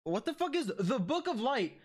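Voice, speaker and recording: A male game streamer talks casually to his viewers in a high voice. His pitch swings widely as he teases, swears and jumps from joking shouts to low mutters. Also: sing-song, normal speed, slightly rough. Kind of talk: casual livestream chat with viewers.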